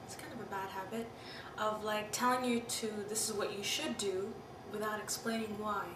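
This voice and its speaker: Recorded through a distant mic in a roomy space with background noise, a woman from Pakistan in her twenties looks back candidly on personal memories in an interview. She speaks at normal speed in a mid-range, steady voice, frequently using "you know" and "I mean."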